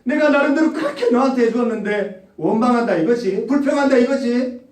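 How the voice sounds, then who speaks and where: A man's voice: very high-pitched, very animated, a little fast, voice pushed up. A man voicing an indignant God who mockingly scolds his grumbling people. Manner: mocking, needling repetition. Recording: echoey church hall, distant mic.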